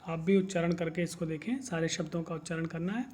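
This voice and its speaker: A man teaching a Sanskrit lesson to school students, going through the exercises and repeating each word slowly three times so the class can copy it. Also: on the high side, steady tone, a little mellow.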